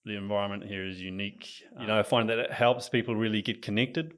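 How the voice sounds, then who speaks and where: A man with a New Zealand accent, a coach guesting on a podcast, talks fast in a lowish voice. The interview chat is casual, and he's relaxed and enthusiastic about nature.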